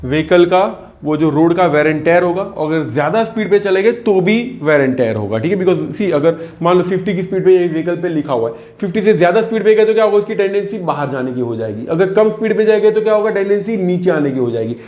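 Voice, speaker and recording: A physics teacher, a man whose voice sits a little higher than most men's. He explains at the board, keeps asking questions back to his students and drags out each formula as he writes it. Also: lively intonation, a little mellow. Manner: mixes English formula reading with explanation, asks rhetorical questions; slows down to read out equations. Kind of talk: whiteboard physics lesson.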